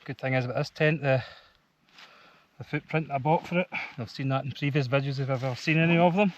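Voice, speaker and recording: A Scottish man chatting casually to an action camera on an open hillside, thinking aloud in an unhurried running commentary. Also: mid-range voice, lo-fi sound. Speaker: solo wild camper and vlogger. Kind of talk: casual outdoor vlog chat. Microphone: action camera with media mod microphone. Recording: outdoor wind and ambient noise.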